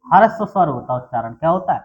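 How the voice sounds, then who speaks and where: Male English teacher, high voice, quizzes then answers his own questions. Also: big pitch swings, fast talker, dull audio. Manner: asks questions and answers them himself. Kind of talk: classroom lesson on pronunciation.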